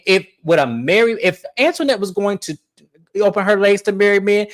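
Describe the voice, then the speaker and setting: A co-host retelling a TV episode in a sassy, animated, casual way. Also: medium pitch. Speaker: co-host of a TV recap show. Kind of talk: casual review chat.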